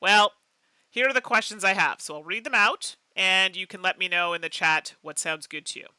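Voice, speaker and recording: A woman streaming a mystery game live, chatting with her viewers and laughing often in an animated way. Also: mid-range voice, normal speed, clean tone, no room sound. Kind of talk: live game playthrough chat.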